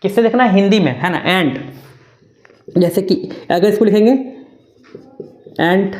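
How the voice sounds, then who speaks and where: A woman gives a patient beginners' grammar lesson, circling back over each rule and checking in with her listeners. Her voice sits at an ordinary middle pitch. The room adds a noticeable echo. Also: moderate pace, darkish tone. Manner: repetitive, keeps checking with "na". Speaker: grammar teacher. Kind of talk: classroom lesson.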